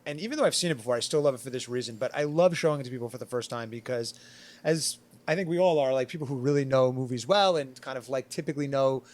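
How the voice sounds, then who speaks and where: A man's voice: medium pitch, fast, darkish tone. A man chatting casually on a podcast panel, rambling and full of "like", acting out quotes as he goes. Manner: rambling, filler-heavy retelling with acted quotes.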